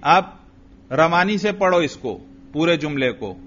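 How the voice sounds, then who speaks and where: A man's voice: a little high, expressive, a bit bright, slight background noise. Man teaching in a dull lo-fi recording. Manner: drills students with repeated questions and answers; chants phrases slowly in a sing-song. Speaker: religious teacher. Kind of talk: classroom lecture on grammar.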